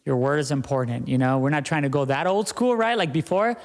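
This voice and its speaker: A man's voice: a little high, fairly quick, big-room sound. A young man talking earnestly as a podcast guest, often tagging his points with "right?". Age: young adult. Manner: earnest, repeats "right?" and "you know". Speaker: guest, business owner. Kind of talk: podcast interview.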